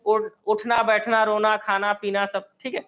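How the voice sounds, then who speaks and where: A man's voice: sits high, level tone, unhurried, a bit bright. A man teaching an online exam-prep class, calling out words one by one, asking students for answers and then correcting them. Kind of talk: online coaching class, quizzing students on word forms.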